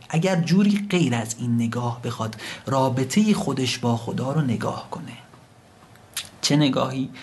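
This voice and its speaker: A male preacher giving a sermon in an impassioned storytelling manner. He recites scripture slowly and swings from loud to a whisper. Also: medium pitch.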